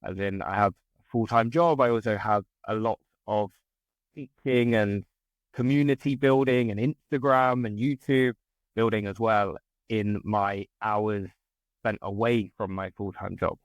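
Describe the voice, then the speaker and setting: Low-voiced southern English man, modern RP. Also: fairly even intonation, a little slow, no room sound, rough recording. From southern England. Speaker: interview guest, English teacher. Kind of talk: casual conversation.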